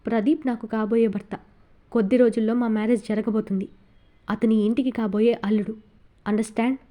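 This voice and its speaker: A woman's voice: a little high, steady tone, a little fast, warm tone, close to an everyday voice. A woman voicing a fierce, proud young woman who defends her family, in an audio novel. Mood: defiant. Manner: firm and defiant.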